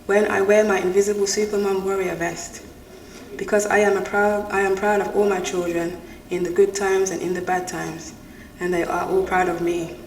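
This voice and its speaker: A middle-aged woman, a mother of grown sons, reciting her own poem in a steady, even voice. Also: medium pitch, normal speed. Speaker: interview guest. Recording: echoey room, distant mic, faint noise.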